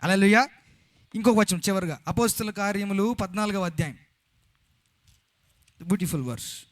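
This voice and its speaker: A man preaching a sermon as a pastor with a Telugu accent, loud and emphatic, calling out hallelujah and reading scripture slowly. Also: high voice, no echo.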